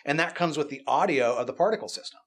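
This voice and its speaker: A middle-aged man casually walking through a software tool demo in an office, explaining as he goes with frequent fillers. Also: fairly high pitch, expressive, fast. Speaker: game studio technical artist demonstrating tools. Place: office at a desk with monitors.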